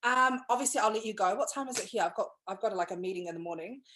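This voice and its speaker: A young woman hosts a podcast over a video call, talking in a chatty, upbeat way. She jumps between thoughts and laughs easily. Her voice has a medium pitch. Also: fast talker, a bit bright. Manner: chatty and enthusiastic, laughs often. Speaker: podcast host. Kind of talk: casual chat.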